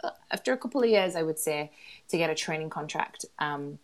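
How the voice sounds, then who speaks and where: Chatty Yorkshire woman, low voice. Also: animated, a little fast. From Yorkshire, England. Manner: chatty, self-deprecating, laughs often. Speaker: guest, employment lawyer. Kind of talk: casual interview chat.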